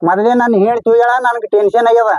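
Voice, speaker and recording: A woman's voice: on the high side, steady tone, fast talker, mellow, dry recording, poor audio. A woman with a North Karnataka Kannada accent, playing a defensive, argumentative neighbour in a comedy skit. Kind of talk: scripted comedy skit dialogue.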